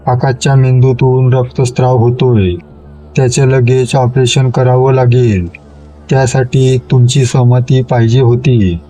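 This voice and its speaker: A man's voice: medium pitch, level tone, unhurried, warm tone, close to an everyday voice, poor audio. A man reading as a matter-of-fact doctor. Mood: serious. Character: calm male hospital doctor.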